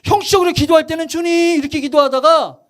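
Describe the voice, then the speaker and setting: Casting: a pastor with a very high voice that rises and falls a lot, lively sermon storytelling. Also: male voice, fast talker. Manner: animated storytelling, acts out quotes and asks the congregation questions; drops to quiet, soft emphasis at points.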